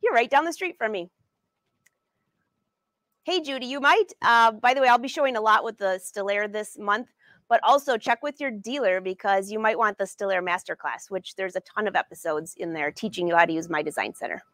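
This live sewing lesson is led from a studio by a forty-something woman who is a sewing educator and brand ambassador. She talks a little fast in a medium-pitched, fairly bright voice, keeping things upbeat and answering viewers by name, with no echo.

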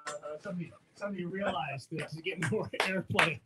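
A man's voice: sits high, a little fast, loud music behind the voice, poor audio. A man hosting a radio show, talking casually and in a rambling way, with jokes and many restarts. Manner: rambling, full of fillers and restarts, joking. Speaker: radio host. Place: radio studio.

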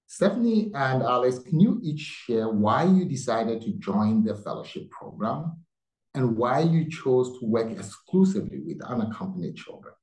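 A man's voice: medium pitch, very animated, moderate pace, a little mellow. An older man moderating a webinar over a video call, formally reading introductions and questions. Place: indoor room on a video call. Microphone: video call webcam. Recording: roomy video call audio.

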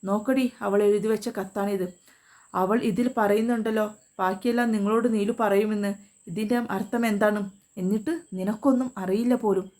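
A woman's voice: medium pitch, steady tone, brisk, darkish tone, natural voice. A woman doing a stern accusing father. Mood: angry. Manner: grave, accusing. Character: stern angry father of a traditional household.

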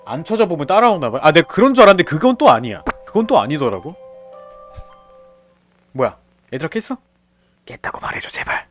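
A young man streams a horror game, commentating as he plays, talking with teammates, and yelping or shouting excitedly when something startles him. His voice sits on the high side and he talks a little fast, with long pauses. Soft music plays in the background.

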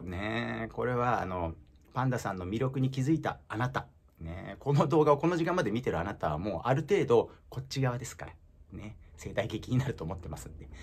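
A man's voice: medium pitch, slightly rough. A man hosting his own fan channel, talking in a rambling, mock-serious analytical way that sometimes drops to a whisper. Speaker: idol fan channel host. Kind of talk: casual vlog monologue.

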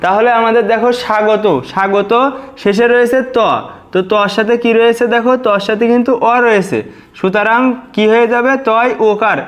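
A man's voice: high voice, steady tone, a little fast. A man teaching a lesson, patiently repeating words and breaking them into syllables. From Bangladesh. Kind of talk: spoken exam-prep lesson.

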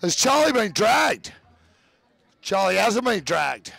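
A man giving live rugby commentary, excitable and often shouting over the play, with chatty asides about the players. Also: high voice, slow pace, gravelly, no echo.

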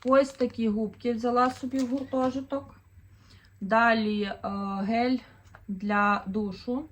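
A woman's voice: a little high, steady tone, takes it slowly. Chatty woman showing a shopping haul. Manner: chatty, thinking aloud with fillers. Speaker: vlogger, mother of four. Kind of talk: casual shopping haul chat.

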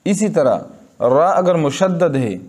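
A man with a Pakistani Urdu accent teaches recitation rules, repeating each example word and asking and answering his own questions. His voice sits a little high, and he talks at an unhurried, deliberate pace. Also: lively intonation, darkish tone. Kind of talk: slow tajweed lesson.

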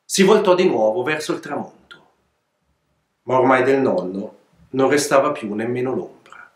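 A man reading his own children's book aloud as an expressive, playful storyteller. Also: medium pitch, normal speed. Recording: echoey room.

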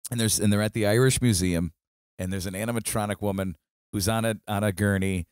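A man's voice: on the low side, fairly even intonation, a little fast, clear, resonant tone, dry recording, studio quality. A man co-hosting a podcast, chatting casually and telling jokey stories in an easygoing way. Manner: joking, chatty, easygoing storyteller. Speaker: podcast co-host. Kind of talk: casual chat.

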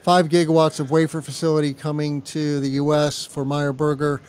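A man co-hosting a podcast in easygoing, chatty conversation. His voice sits a bit higher than most men's. He talks loosely and likes to banter. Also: flat delivery, normal speed, darkish tone, smooth. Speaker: podcast co-host. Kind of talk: casual chat.

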